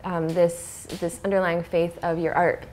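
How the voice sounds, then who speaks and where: A woman hosting a casual interview, encouraging her guest with quick affirmations. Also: on the low side, flat delivery, a little mellow, slight background noise. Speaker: host.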